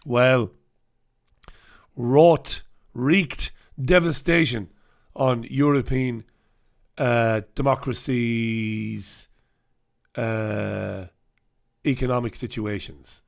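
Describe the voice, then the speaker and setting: A man talks through the morning papers on a live stream, still full of a head cold. His voice sits in a middle pitch, and he keeps up a sardonic, joking running commentary. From United Kingdom. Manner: sardonic, jokey asides. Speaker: host. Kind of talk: casual newspaper review live stream.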